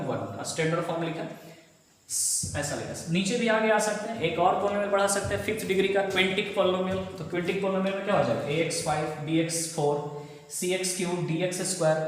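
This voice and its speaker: A male math teacher giving a classroom lecture, mixing in English terms and asking questions that he answers himself. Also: on the high side. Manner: asks students questions then answers them himself; mixes Hindi with English terms. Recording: very echoey room with long reverb.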